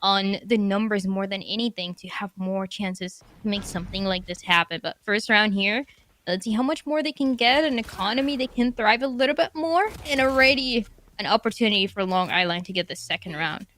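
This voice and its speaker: A woman's voice: mid-range voice, a little fast, a bit bright. A woman giving analytical live match commentary as an esports caster.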